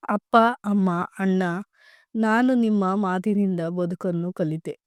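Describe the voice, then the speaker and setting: A woman voicing a hopeful, anxious young daughter in a storybook tale, speaking softly and earnestly. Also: mid-range voice, fairly even intonation, slow pace, no echo, lightly acted. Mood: grateful.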